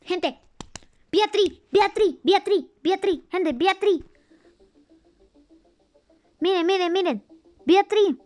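This YouTuber's voice is a put-on cartoon character rather than their own, sitting extremely high with a slow, drawn-out delivery. While watching an animated series they shout lines again and again in excitement, chat with their audience, and laugh at their own mistakes.

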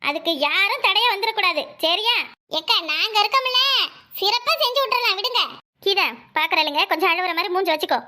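A woman's voice: extremely high pitch, animated, a little fast, sharp tone, exaggerated voice. A woman voicing a scheming village woman in a cartoon, who wails in mock grief and gossips slyly. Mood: sly, mock grieving. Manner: wailing, gossipy, sly. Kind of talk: Tamil cartoon voice acting.

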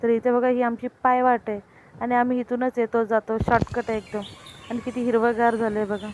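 A woman's voice: on the high side, level tone, fairly quick, noisy background. A woman chatting casually on her family vlog as she walks home and then talks with her young daughter at home. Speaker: vlogger and mother. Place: outdoors on a village path, then at home.

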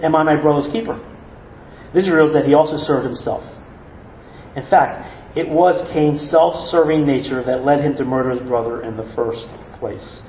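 A man's voice: mid-range voice, warm tone, a little hiss or hum. Earnest male pastor in an echoey church. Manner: earnest, with repeated words and rhetorical asides. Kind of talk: sermon.

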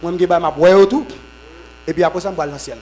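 A man preaches a sermon. His voice sits high for a man. He swings from shouted, fervent bursts to lower, quieter teaching. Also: rapid-fire, a little hiss or hum, poor audio. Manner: shouts in fervent bursts with repeated amens, drops low when teaching. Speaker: apostle preaching at a conference.

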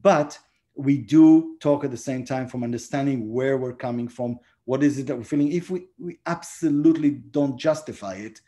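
With a warm, medium-pitched voice at a normal pace, an Israeli-accented man in his forties responds to interview questions. He's a guest diplomat speaking over video call from a room in his house. Frequent fillers and restarts run through his answers.

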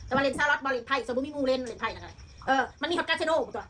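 Rapid, bright Isan-accented woman. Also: high voice, animated. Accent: Isan Thai. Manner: blunt, coarse-spoken. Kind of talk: casual chat.

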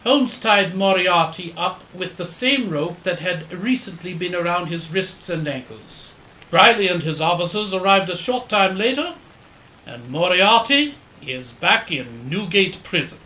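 A man playing an earnest doctor and loyal detective's companion, recounting events in a measured, explanatory way in an audio drama. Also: high-pitched, lively intonation, bright, forceful tone, echoey room, exaggerated voice, low-quality recording. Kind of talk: audio drama acting, storytelling.

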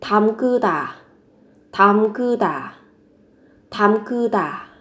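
A woman teaching a vocabulary lesson, saying each word three times slowly before explaining it. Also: medium pitch, expressive, fairly bright tone. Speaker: language teacher.

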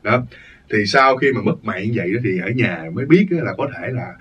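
A man's voice: on the low side, expressive, fairly quick, fairly bright tone, husky. A man telling a ghost story in a casual, rambling way, repeating phrases for emphasis. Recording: dull lo-fi recording, distant mic.

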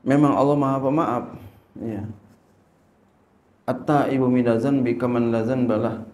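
A man's voice: mid-range voice, steady tone, a little slow, darkish tone, reverberant. A male Islamic teacher teaching a religious lesson. He reads Arabic text, translates it and asks rhetorical questions.

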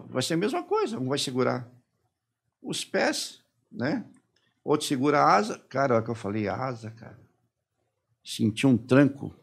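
A middle-aged man from Brazil, a podcast guest, telling his story haltingly and quoting the people who questioned him. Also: medium pitch, vocal fry, slightly rough. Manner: halting retelling, quoting his interrogators and himself. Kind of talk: personal testimony in a podcast interview.

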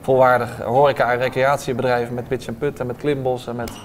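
Speaking fairly quickly in a level, medium-pitched voice, this man in his thirties, a restaurant owner, fills his interview answers with hesitant sounds. A lapel mic catches him in a bright dining room with a little noise behind him.

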